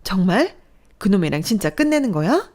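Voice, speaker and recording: A woman's voice: mid-range voice, sing-song, normal speed, pitched above the performer's own voice, lightly acted. Woman acting out a screaming, furious mother-in-law. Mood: shocked. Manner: shouting, scolding. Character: furious domineering middle-aged mother-in-law.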